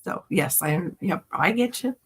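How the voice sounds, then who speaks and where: A woman's voice: lowish voice, expressive, moderate pace, a bit bright, breathy edge. A woman in a casual chat, talking in a joking, salty, rambling way.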